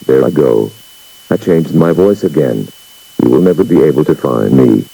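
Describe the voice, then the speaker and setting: A man talking through a deep pitch-shifted voice changer, taunting his listeners at the end of a prank emergency broadcast. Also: lively intonation, moderate pace, creaky, warm tone, breathy edge, exaggerated voice, poor audio. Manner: taunting, mocking.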